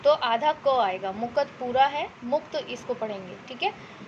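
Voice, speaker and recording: A woman with a high voice teaches a worksheet lesson to children, explaining each answer step by step. She checks in often and slows right down to dictate example sentences. The recording is slightly dull, with a faint hiss behind her. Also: expressive. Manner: patient, explains step by step with many "ठीक है" checks.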